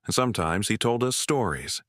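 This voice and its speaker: A man narrating a first-person story in a measured, unhurried way. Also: lowish voice, expressive, fairly bright tone, no room sound, clean studio sound.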